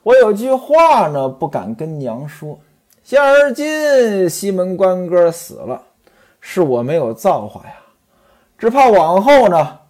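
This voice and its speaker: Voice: medium pitch, darkish tone. A storyteller voicing a worried wet nurse, a woman pleading about her future.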